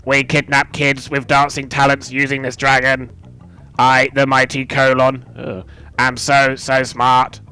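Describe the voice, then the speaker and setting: A man voicing Colon, a boastful male game villain, in a slow mechanical robot-like voice. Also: medium pitch, completely flat delivery, pushed and bright, smooth, faint music behind.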